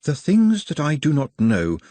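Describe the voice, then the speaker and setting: A man's voice: a little high, wildly swooping pitch, a little slow, mellow, dry recording, voice pushed up, exaggerated voice. A man voicing a polite, anxious young male goblin who speaks formally and stutters slightly. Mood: earnest, worried.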